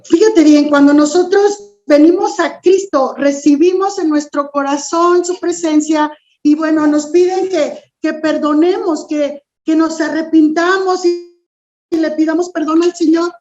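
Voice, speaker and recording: A woman's voice: high voice, fairly even intonation, a little slow, darkish tone, highs cut off. A woman preaching a sermon, speaking earnestly and directly to the listener.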